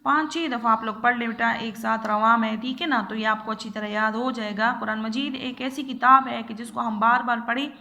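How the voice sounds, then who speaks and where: A woman teacher, giving a recorded lesson to young children and repeating each phrase slowly and patiently. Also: fairly high pitch, fairly even intonation, gravelly, pushed and bright.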